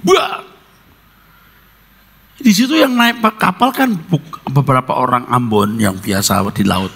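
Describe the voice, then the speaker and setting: A male pastor preaches with a gravelly, husky voice and a lively, swooping pitch. He acts out his stories with sound effects and jokes. His voice rings out in a long reverb from a large church hall. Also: normal speed. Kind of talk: sermon with personal storytelling.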